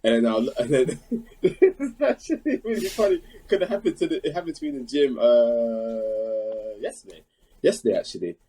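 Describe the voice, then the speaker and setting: A man from South London with a South London accent, co-hosting a podcast, telling stories in a rambling, animated way with many restarts. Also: medium pitch, normal speed, low-quality recording. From England. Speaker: podcast co-host. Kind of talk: casual chat.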